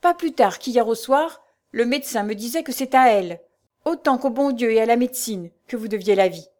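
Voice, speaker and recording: A woman's voice: fairly high pitch, animated, a little fast, darkish tone, close to an everyday voice. Woman doing male valet, devoted, emphatic, admiring, storybook reading.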